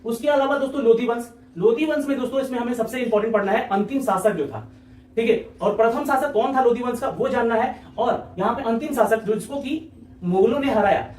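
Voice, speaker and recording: A male exam-prep teacher talks at a rapid clip, repeating points and checking in with his listeners. His voice sits high, and he sounds a little far from the mic in an echoey room. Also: darkish tone, a little hiss or hum.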